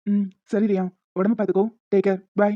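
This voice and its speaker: A woman's voice: mid-range voice, flat delivery, brisk, dry recording, lightly acted. A woman voicing a polite, earnest young man in a cartoon, who turns sharply accusing. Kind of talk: cartoon voice acting. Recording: dull, dry lo-fi recording.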